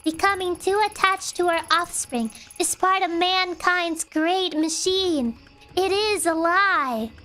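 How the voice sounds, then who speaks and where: A woman voicing a creepy calm, unsettlingly serene cultist mother, reading game dialogue aloud with slow menace. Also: very high-pitched, soft background music, full character voice. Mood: soothing menace.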